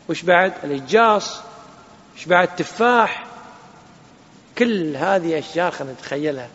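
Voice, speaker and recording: A man teaching a classroom lesson, reading a legal text aloud and explaining it slowly, often checking with his students. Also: high voice, a bit bright, long reverb tail, muffled recording. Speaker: Islamic jurisprudence teacher.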